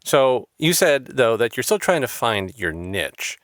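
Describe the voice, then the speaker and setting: A podcast host runs his interview show in an upbeat, effusive way, with intros that sound scripted. His mid-range voice is very animated and fairly bright, and he speaks unhurriedly. The clean studio sound has no echo.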